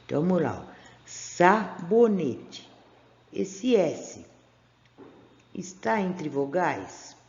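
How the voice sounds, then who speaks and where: Uma professora de sotaque brasileiro dá uma aula gravada para crianças do primeiro ano. Ela estica as sílabas com paciência e faz perguntas à turma. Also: female voice, low-pitched, big pitch swings, slow, long pauses, mellow, reverberant, muffled recording. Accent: Brazilian Portuguese. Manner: patient, stretches out syllables, asks the class questions. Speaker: primary school teacher. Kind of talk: recorded remote class for first graders. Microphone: camera pointed at a workbook.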